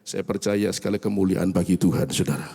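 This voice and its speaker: Middle-aged pastor preaching in a reverberant church. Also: male voice, sits low, fairly quick, vocal fry, dark tone, breathy edge. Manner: storytelling, addressing the congregation directly. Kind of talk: sermon. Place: large church.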